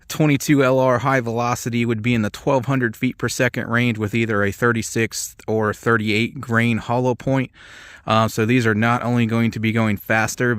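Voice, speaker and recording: This man hosts an ammunition test channel, talking through products in a relaxed, rambling, informal manner. His voice is lowish with a bit of brightness, captured cleanly in studio quality without echo.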